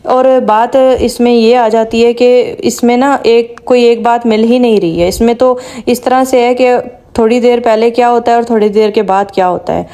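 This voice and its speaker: A woman's voice: fairly high pitch, steady tone, hardly any pauses, warm tone. A woman vlogger giving casual commentary, talking straight to her viewers in a chatty way. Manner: chatty, addresses viewers directly.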